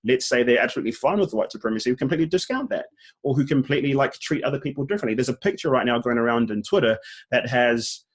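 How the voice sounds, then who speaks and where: Fast-talking husky New Zealand man. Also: mid-range voice, expressive. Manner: rapid, filler-heavy, many restarts. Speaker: co-host. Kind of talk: casual debate.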